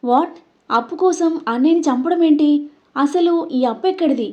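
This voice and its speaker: A woman's voice: high-pitched, steady tone, brisk, dark tone, lo-fi sound, close to an everyday voice. A woman voicing a shocked, tearful young woman pleading to save her brother. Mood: distraught.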